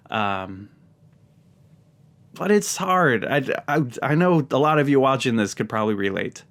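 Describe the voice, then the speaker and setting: This American man's mid-range voice is a bit bright as he hosts religious commentary addressed directly to his viewers. He speaks to the camera earnestly and with emphasis.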